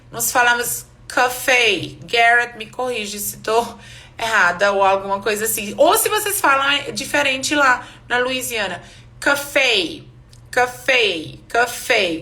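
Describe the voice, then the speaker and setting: A woman teaching an English pronunciation class live online, explaining slowly and repeating each word for her students. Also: fairly high pitch, sharp tone.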